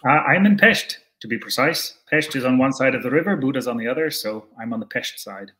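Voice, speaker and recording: A young Scottish man answers interview questions on a video call from an indoor room at home, his mid-range voice expressive, fairly quick, and sharp in tone. As a guest he's thoughtful but hesitant, full of fillers and restarts.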